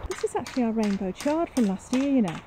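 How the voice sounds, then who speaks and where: Her voice sits on the high side, quick and animated, as this British woman rambles cheerfully around her allotment and greenhouse, poking fun at herself. The gardening vlog is shot handheld, with noisy outdoor sound from the camera's own mic.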